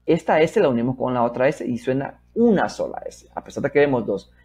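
A man teaching an English lesson, explaining in Spanish and modeling English sentences slowly, first loudly and then softly, checking in often with his students. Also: medium pitch, sing-song, breathy edge.

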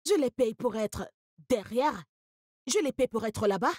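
A haughty rich madam barking orders and tossing insults, in a fairly high voice. The dub is close and dry, with no room around it. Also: female voice, animated, a little slow, a little mellow, dry recording. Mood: scolding. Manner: imperious, insulting, barks orders. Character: rich, bossy woman scolding her maids. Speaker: actress in a French-dubbed Nollywood film.

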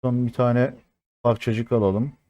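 A mobile game streamer in his thirties provides live commentary, excitable and chatty with his viewers and swearing often. His mid-range voice is a little slow, with no echo.

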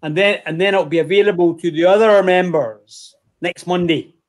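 Hosting an online whisky tasting over a video call, a chatty man speaks in a voice fairly high for a man, with fairly even intonation. His casual talk is easygoing and friendly, sprinkled with quick asides, and the audio is plain laptop-call quality.

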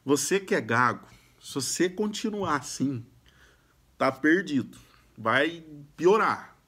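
A Brazilian man speaks casually but firmly to his viewers, pressing his advice home. His voice sits somewhat high for a man, and he sometimes catches on a sound and repeats it before he goes on. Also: animated, takes it slowly, bright, forceful tone, slightly rough. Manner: emphatic, exhortative, repeats sounds at starts of phrases. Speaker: YouTube speaker giving self-help tips. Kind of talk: casual direct-to-camera advice.

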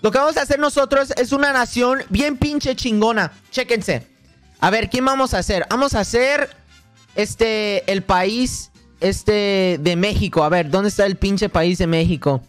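A young Mexican-accented man streams a game and talks in a laid-back, unhurried way, boasting and cracking jokes. He swears constantly, and faint music plays behind him. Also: high voice, fairly bright tone. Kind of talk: casual gaming livestream.

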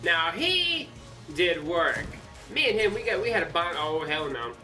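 A young man hosting a casual let's-play, excitable, yelping and swearing as he plays. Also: fairly high pitch, a little slow, distant mic, faint music behind. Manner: excitable, yelps and swears at the game. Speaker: gaming channel host.

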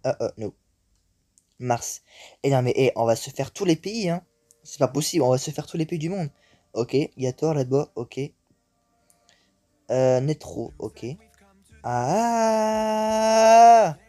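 A young man giving excitable commentary as he plays a game, swearing often and dropping English exclamations into French. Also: mid-range voice, a little slow, pauses often. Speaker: gaming YouTuber. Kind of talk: live gameplay commentary.

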